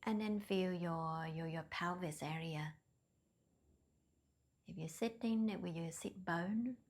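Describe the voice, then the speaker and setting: Speaking low in a soft, breathy near-whisper, a woman leads a guided meditation as the teacher. Her phrasing is gentle and hesitant, with a non-native quality.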